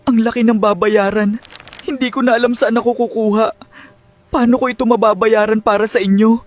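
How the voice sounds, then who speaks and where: A man's voice: high voice, fairly even intonation, fairly quick, close to an everyday voice. A male actor plays a guilt-ridden husband in a melodrama. He sounds desperate and anguished, pleading as he speaks, with some music behind him. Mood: despairing. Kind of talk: Filipino melodrama acting.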